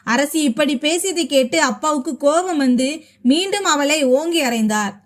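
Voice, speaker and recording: A woman narrating a family story in steady, clear storybook style. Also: high voice, moderate pace.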